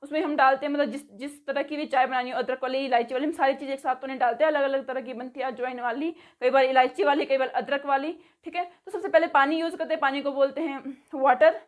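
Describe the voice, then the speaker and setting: A woman giving a casual vocabulary lesson, repeating each word slowly, spelling it out letter by letter and checking in after each item. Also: high-pitched, fairly even intonation. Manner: says "theek hai" after nearly every item. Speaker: spoken English teacher.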